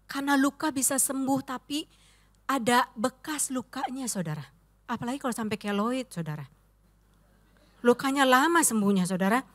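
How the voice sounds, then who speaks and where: A woman pastor preaching a sermon, telling anecdotes and acting out the voices of the people in them. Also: a little high. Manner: animated storytelling, acting out quoted voices; addresses the congregation as "saudara".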